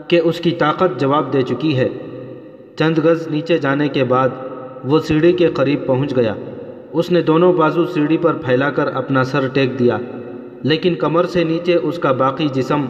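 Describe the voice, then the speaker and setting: A man narrates a novel in a steady, dramatic manner. His voice sits at a middling pitch for a man. The recording is dull and lo-fi, with a roomy echo and a long reverb tail. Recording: dull lo-fi audio in a reverberant room.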